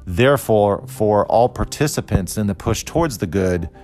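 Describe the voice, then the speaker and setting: A man's voice: on the low side, lively intonation, moderate pace, darkish tone, soft background music. A man in his forties, from Costa Rica, explaining a philosophy idea in a thoughtful, conversational lecture with restarts and fillers. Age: 40s.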